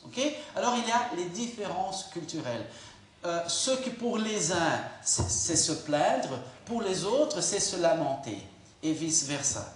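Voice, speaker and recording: Animated Brazilian-born preacher in an echoey church. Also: male voice, on the high side, a little hiss or hum. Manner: animated, acts out quoted voices. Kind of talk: sermon.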